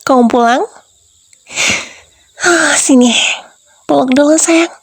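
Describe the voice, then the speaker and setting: ASMR role-play: a young woman as a clingy, pushy wife, higher voice with gravelly fry, dry close sound. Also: takes it slowly, a little hiss or hum. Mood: doting. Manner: doting, then repeatedly questioning and defensive.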